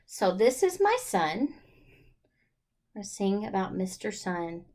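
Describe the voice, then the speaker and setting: Hosting a storytime for young children, this woman uses a mid-range, sing-song voice with a darkish tone. Her delivery is encouraging and exaggerated for kids, full of questions and pauses.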